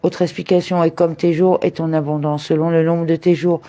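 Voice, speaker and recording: A man reads a religious commentary aloud at a measured, even pace. His voice is mellow and relaxed, and he works Hebrew terms and chapter-and-verse references into the reading. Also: fairly high pitch. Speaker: reader of a daily study text.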